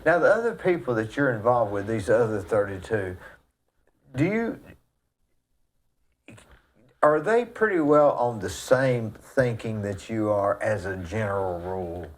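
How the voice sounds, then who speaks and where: A man, interviewing casually in a halting, plain-spoken way. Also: fairly low pitch, expressive. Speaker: interviewer, host.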